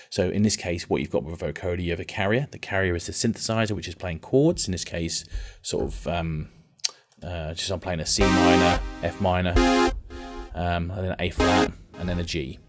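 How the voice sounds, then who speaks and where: This informal music tech tutorial is led by a man whose voice sits low. He guides viewers through the software one step at a time and restates important points as he goes.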